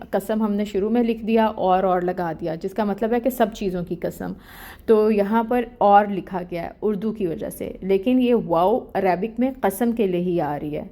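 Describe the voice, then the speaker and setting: A woman's voice: mid-range voice, mellow. A woman teaching Quran recitation rules, explaining each letter patiently and step by step. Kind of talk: step-by-step tajweed lesson.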